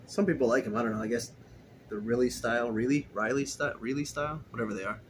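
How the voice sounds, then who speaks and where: A man's voice: mid-range voice, fairly even intonation, fast, a little hiss or hum. A man casually walking through his fish room, filming on a handheld phone and chatting in an easygoing, rambling way. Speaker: aquarium hobbyist vlogger. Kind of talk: casual tank walkthrough. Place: indoor fish room with rows of tanks. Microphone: handheld phone camera.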